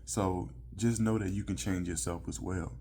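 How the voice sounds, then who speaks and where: A man's voice: low-pitched, steady tone, normal speed, warm tone, slight background noise. A man hosting a vlog, giving casual motivational talk in a loose, conversational way with lots of fillers. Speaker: vlog host.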